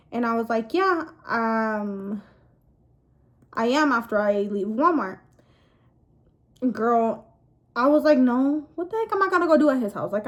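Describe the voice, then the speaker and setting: Higher-pitched young woman dishing casual gossip. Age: young adult. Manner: gossipy, confiding, animated storytelling with girl-talk asides. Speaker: vlogger. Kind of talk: casual storytime chat to camera.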